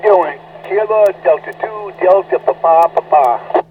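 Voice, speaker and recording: A man's voice: high-pitched, unhurried. A man heard over a two-way radio receiver, a radio operator calling in and spelling out call signs in phonetic code. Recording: tinny two-way radio line with faint hiss.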